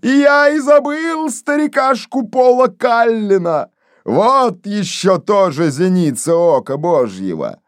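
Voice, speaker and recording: Woman playing a mocking, scornful father; a bit higher than her own voice. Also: little pitch movement, takes it slowly, hardly any pauses, clean tone, no room sound, clean studio sound. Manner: sneering, mocking.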